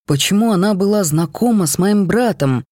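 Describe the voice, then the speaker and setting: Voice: medium pitch, expressive, normal speed, mellow, no room sound, clean studio sound, natural voice. A reader voicing an angry young man who is desperate to find his twin brother, in an audiobook reading. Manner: outbursts of anger.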